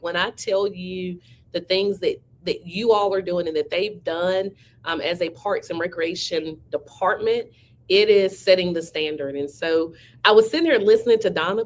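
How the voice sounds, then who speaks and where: A woman speaks as a county manager, a little under the weather. She praises her staff effusively in a casual way. Faint background noise sits under her voice. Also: on the low side. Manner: warm, effusive praise with frequent "y'all". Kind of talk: casual remarks to a team.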